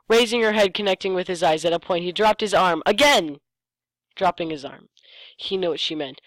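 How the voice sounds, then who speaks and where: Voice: medium pitch, fairly bright tone, no room sound, rough recording. A host reading fan fiction aloud for comedy, stopping often to mock the writing sarcastically and stumbling over the lines. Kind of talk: comedic dramatic reading with commentary.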